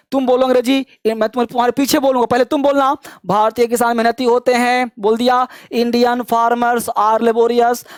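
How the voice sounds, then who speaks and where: A man's voice: very high-pitched, no room sound, studio quality. A man teaching a spoken English lesson, urging learners on and drilling example sentences in rhythmic repetition. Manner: slows to a deliberate, syllable-by-syllable pace when modelling sentences. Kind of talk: energetic online grammar lesson with call-and-response drills.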